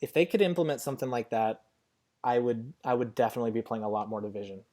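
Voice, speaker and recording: A young man in a casual gaming podcast, talking freely with a lively, sarcastic edge. His pitch sits in the middle for a man. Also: fast talker. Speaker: podcast co-host. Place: Arizona.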